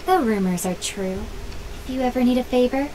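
A woman's voice: on the high side, fairly quick, dark tone, close to an everyday voice. A woman voicing a cool, scheming teenage schoolgirl informant in a video game, detached, curt and businesslike. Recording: noisy game playback.

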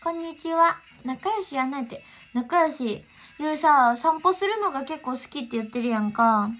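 Giggly high-voiced Kansai woman streaming. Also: lively intonation, normal speed, a bit bright, faint music behind. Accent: Kansai Japanese. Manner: giggly, chatty, answers chat greetings. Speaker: livestreamer. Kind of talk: casual livestream chat.

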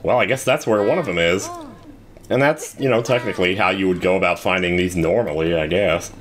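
A man's voice: deep voice, fairly quick, crowd noise. A man giving casual, rambling commentary while playing a video game, with wry asides. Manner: rambling, wry, self-deprecating. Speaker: let's play host.

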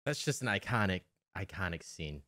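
Low, animated young male streamer. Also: moderate pace, over music. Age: young adult. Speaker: reaction streamer. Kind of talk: casual reaction commentary. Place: small room at home.

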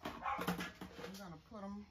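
Steady in tone and slow, her voice mid-range, a middle-aged woman runs a casual home cooking show, folksy and checking in with whoever's watching, often closing lines with "okay?". Clear background noise fills the home video, which starts in a kitchen and later moves outdoors to a grill after dark.

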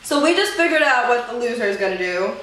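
A woman's voice: a little high, sing-song, a bit bright. Playful young woman, echoey room. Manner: giggly, playful, talks fast when teasing. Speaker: vlogger. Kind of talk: casual challenge video with a friend. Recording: echoey room, distant mic, faint hiss.

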